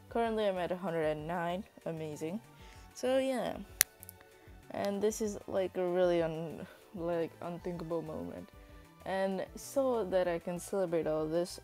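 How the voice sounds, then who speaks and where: A man hosting a casual vlog, talking in a flat, monotone way with lots of rambling fillers. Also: high-pitched. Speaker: YouTuber. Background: faint background music.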